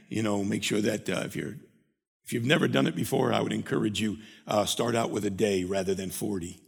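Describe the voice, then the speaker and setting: A man preaching a sermon as pastor, building in fervor and often clearing his throat. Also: on the low side, moderate pace. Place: church sanctuary. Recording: long reverb of a church hall.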